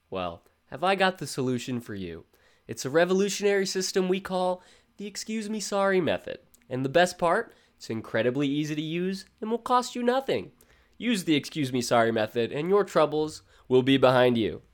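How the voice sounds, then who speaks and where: A man voicing an eager, cheesy infomercial pitchman with a salesy, exaggerated delivery. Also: natural voice.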